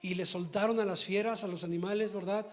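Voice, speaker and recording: A man's voice: sits high, fairly even intonation, fairly quick. A male pastor preaching a sermon in a church, fervent and constantly checking in with his congregation.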